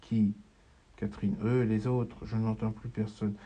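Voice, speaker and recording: A man with a husky, gravelly voice reading an uneasy woman, a sister-in-law, in a dull lo-fi recording. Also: on the low side, little pitch movement, a little slow, warm tone.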